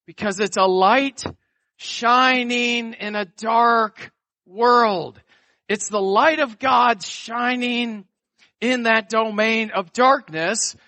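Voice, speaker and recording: A man preaching an impassioned sermon in a grand, declamatory manner with drawn-out phrases. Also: extremely high pitch, sharp tone, no echo.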